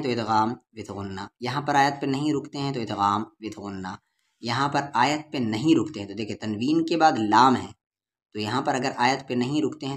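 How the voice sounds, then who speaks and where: Patient male Quran tutor spelling syllables. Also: medium pitch. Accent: Urdu-Hindustani. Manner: slow, patient spelling-out of syllables with drawn-out vowels. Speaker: Quran reading teacher. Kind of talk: letter-by-letter recitation lesson.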